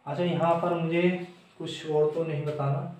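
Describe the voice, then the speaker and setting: A man teaching a blackboard grammar lesson, slowly repeating and sounding out letters aloud, in a classroom. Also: on the high side, little pitch movement, a little mellow, far from the mic. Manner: slow, repetitive, demonstrating sounds aloud. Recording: echoey room, voice from the mic.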